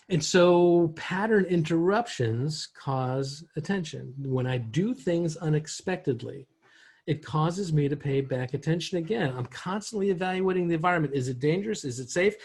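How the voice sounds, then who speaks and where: A man giving a recorded training lesson on communication, conversational, often acting out voices and switching pitch and pace to demonstrate. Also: brisk, breathy edge. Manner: conversational, asks rhetorical questions.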